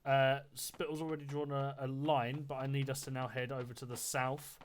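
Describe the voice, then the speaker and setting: A man's voice: mid-range voice, flat delivery, moderate pace. A man casually giving orders as squad leader in a military game, informal and sweary, over faintly noisy voice chat.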